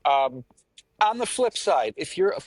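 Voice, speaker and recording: A man's voice: a little high, big pitch swings, unhurried, dry recording. Rambling self-mocking man, dry close sound. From Pacific Northwest. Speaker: podcast co-host. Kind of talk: casual chat.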